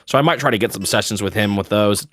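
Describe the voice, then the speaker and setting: A young American gaming streamer chats casually while he plays, rambling, laughing often and restarting his sentences. His voice is on the low side and fairly bright, he talks fast, and there's slight background noise.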